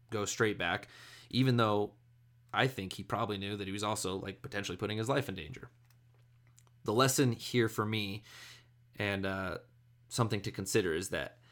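Casual low-voiced man talking scripture. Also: a bit bright. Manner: conversational, self-deprecating, with asides and restarts. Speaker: scripture study presenter. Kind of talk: casual devotional talk.

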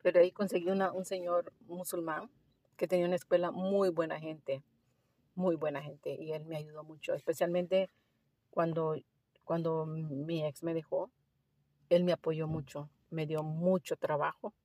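A woman who works as a driving instructor, telling a story in a casual interview, animated and slipping English phrases into her Spanish. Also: deep voice, moderate pace, no room sound.

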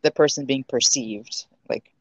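A woman's voice: rumbling low, unhurried, no echo. A woman co-hosting a casual podcast, reacting with playful short quips. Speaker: podcast co-host. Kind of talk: casual chat.

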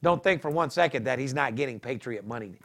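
A man's voice: medium pitch, lively intonation, fast talker, vocal fry, very noisy. A man hosting a sports betting podcast, talking in a boastful, profane, hard-selling way. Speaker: podcast host.

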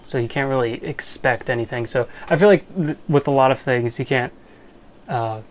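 A man's voice: mid-range voice, normal speed. A young man chatting casually as a podcast co-host, eager and often trailing off mid-thought. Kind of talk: casual chat.

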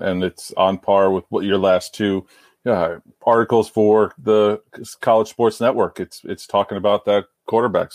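Low-voiced man with halting speech. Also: a little mellow, no room sound. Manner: halting, repeats words. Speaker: podcast co-host. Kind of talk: casual sports chat.

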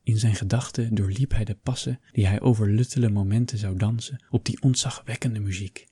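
A man reading a historical novel aloud in measured, even narration. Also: fairly low pitch, breathy edge, dry recording. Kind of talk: scripted audiobook narration.

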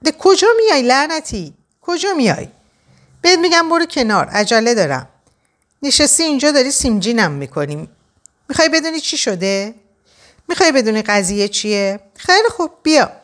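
A woman's voice: a little high, big pitch swings, a bit bright, voice pushed up. A woman voicing an agitated young man in a desperate hurry, urgent and exasperated. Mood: shouting.

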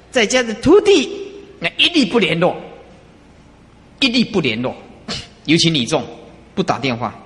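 A man giving a casual dharma talk as a Buddhist master, conversational and animated, often asking his listeners rhetorical questions. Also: a little high, a little slow, pauses often. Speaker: Buddhist master teaching disciples. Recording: reverberant hall.

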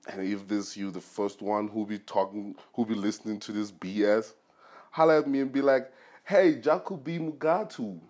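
A man with a fairly low voice hosts a podcast on his own and talks straight to the listener. He rambles and jokes, and his speech is loose and full of slang. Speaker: podcast host. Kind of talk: casual solo podcast monologue.

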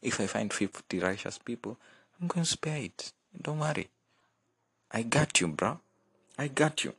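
A man's voice: mid-range voice, expressive, normal speed, a bit bright, husky, pitched above the performer's own voice. A man voicing God as a playful, patient divine figure in a sermon, mixing Swahili and English. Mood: reassuring. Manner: mixes East African Swahili and English, exclaiming. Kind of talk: sermon storytelling.

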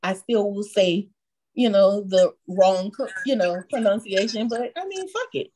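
A woman chatting casually on a podcast, animated and swearing freely. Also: medium pitch, a little slow, rough recording. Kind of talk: casual chat.

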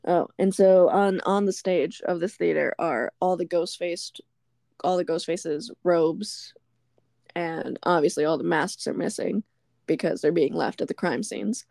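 Her voice lowish and somewhat dark with vocal fry, a female podcast co-host recaps a film scene by scene over a remote call. She keeps a measured pace and laughs a lot in this casual chat, recorded at studio quality with no room sound.

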